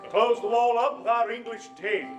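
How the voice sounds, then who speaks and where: A man's voice: very high voice, fairly even intonation, a little fast, roomy sound, over music. An actor playing a hammy male Shakespearean performer who declaims lines theatrically. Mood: declaiming.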